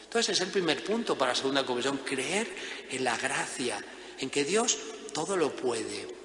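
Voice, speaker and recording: Bright-voiced priest in echoing hall. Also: male voice, medium pitch, normal speed, a little hiss or hum. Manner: lively, acts out voices in anecdotes. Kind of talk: Lenten conference talk. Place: monastery church or hall. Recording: echoey hall with long reverb.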